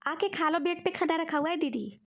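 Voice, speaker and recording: A woman's voice: very high voice, fairly quick. A woman voicing a scheming younger friend who coaxes and tricks in a cartoon. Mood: teasing. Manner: coaxing, sweetly persuasive. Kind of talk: cartoon voice acting.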